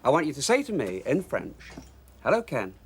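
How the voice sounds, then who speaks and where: A man's voice: mid-range voice, huge pitch swings, a little fast, breathy edge, heavily acted. A man playing a patient, encouraging tutor giving a French lesson in a TV soap. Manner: encouraging teacher. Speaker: actor in a TV soap. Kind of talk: soap opera acting.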